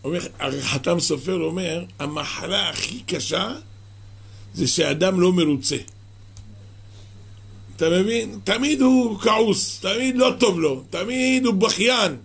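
A man, a religious teacher, giving a Torah sermon in an animated storytelling way, often asking the listener questions. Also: high voice, vocal fry, breathy edge.

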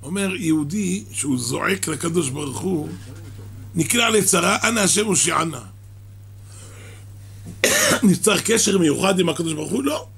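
A man preaches in a high voice that is deeply raspy and gravelly. He halts, repeats words and restarts sentences as he explains a religious parable, and he coughs now and then. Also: animated, fairly bright tone. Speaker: religious teacher. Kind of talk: sermon explaining a midrash.

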